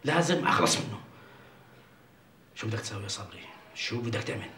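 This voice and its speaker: An actor playing Sabri, a scheming, flustered landlord and engineer, speaking Jordanian Arabic with blustering pleas. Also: male voice, on the low side, lively intonation, fast talker, fairly bright tone, echoey room, recorded from a distance, a little hiss or hum.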